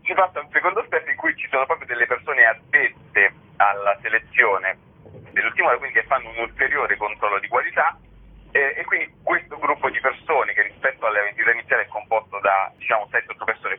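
A satirical writer, interviewed by phone on the radio, talks fast in an expressive, medium-pitched voice that's slightly rough. The narrow, tinny line carries his chatty explanation of his work, which is full of filler words.

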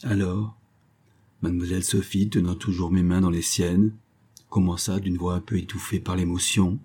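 Brief: male audiobook narrator, husky and dark-toned, measured literary reading. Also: low-pitched, little pitch movement.

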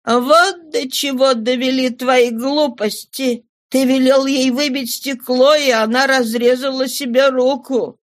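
A weary, downtrodden mother who drags out every word in a hollow voice, as a woman reader puts her on. The pitch sits a bit above the reader's own, and the pace crawls. An audiobook character worn thin. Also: fairly even intonation. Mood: strained. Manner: slow, hollow, dragging each word. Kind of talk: audiobook reading.

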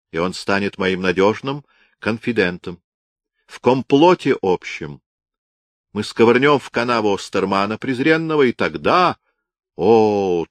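A man's voice: lowish voice, no echo, voice pushed up. A man voicing a scheming, domineering old field marshal who barks orders in a historical audiobook.

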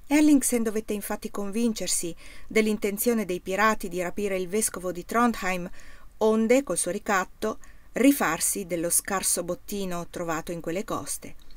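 A woman's voice: medium pitch, no echo. Woman narrating a story, dry sound. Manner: measured, steady reading. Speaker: reader. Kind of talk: audiobook narration.

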